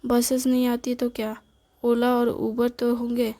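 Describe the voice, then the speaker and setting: A headstrong young woman who answers firmly and refuses help, voiced by a female narrator with a fairly high, mellow tone. The pitch barely moves, giving a calm, level reading. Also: a little slow. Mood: determined.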